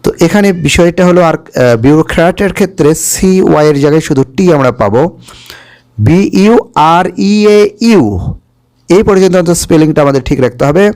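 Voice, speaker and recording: A man's voice: on the high side, darkish tone. A man teaching an English spelling lesson, spelling each word out letter by letter and explaining its meaning. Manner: spells words letter by letter, slow and careful; explains Bengali meanings, checks with "okay?".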